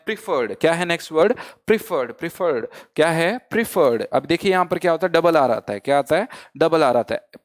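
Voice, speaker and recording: Guy teaching an online class in hindi, fairly high voice, dry, keeps repeating words. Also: no room sound. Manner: drills spelling letter by letter, asks and repeats answers; mixes Hindi and English. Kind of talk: online vocabulary lesson.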